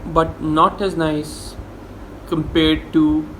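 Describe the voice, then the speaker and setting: Guy doing a chill mukbang, talks real slow w/ pauses while chewing, kinda high voice, faint ac hum. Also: flat delivery, a bit bright, low-quality recording. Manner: chewing and eating while talking; slow, halting short phrases with long pauses. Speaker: mukbang vlogger. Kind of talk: casual food-tasting chat.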